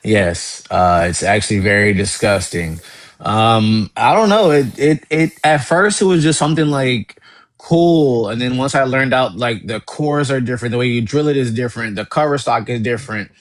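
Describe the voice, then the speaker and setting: Excited rambling man on a dry mic. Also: mid-range voice, moderate pace, dry recording. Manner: excited, rambling, laughs often. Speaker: guest. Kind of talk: casual chat.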